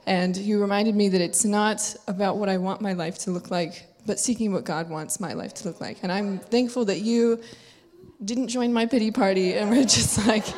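A woman's voice: mid-range voice, steady tone, moderate pace, a little mellow. A woman sharing a personal testimony at church in an earnest, chatty way. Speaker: congregation member giving testimony. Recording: echoey church hall.

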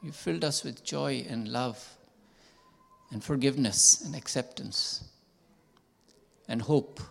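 Slow gravelly older man in prayer. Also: medium pitch. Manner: slow, solemn, measured praying with repeated "Lord". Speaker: church elder leading prayer. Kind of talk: congregational prayer.

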